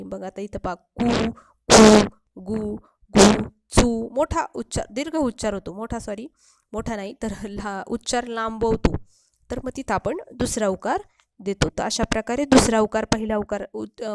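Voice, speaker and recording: A woman teacher giving a patient spelling lesson for children, repeating syllables slowly and stretching sounds. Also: fairly high pitch, darkish tone, no room sound.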